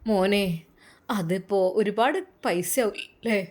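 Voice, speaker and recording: A woman's voice: mid-range voice, takes it slowly, darkish tone. A woman doing a tender older mother. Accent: Malabar Malayalam. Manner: tender, soothing. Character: kindly older mother, tearful and devout.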